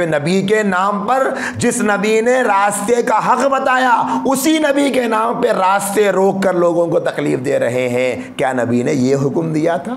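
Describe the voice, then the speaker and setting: A man with a Hyderabadi Urdu accent delivers an impassioned sermon in a slightly high voice. His lines climb to emphatic peaks, then sink low and quiet. The sound rings around an echoey room with a faint hum of ambience behind him. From India. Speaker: mufti, Islamic preacher.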